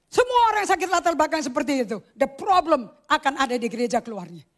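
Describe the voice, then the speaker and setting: A woman pastor preaching a sermon in an animated, emphatic way, dropping English phrases into her talk. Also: high voice, fast talker.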